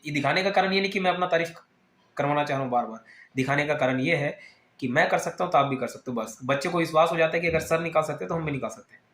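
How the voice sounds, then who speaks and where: A man's voice: fairly high pitch, a bit bright. A man who teaches exam coaching, giving a direct, earnest and persuasive talk to students. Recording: echoey room.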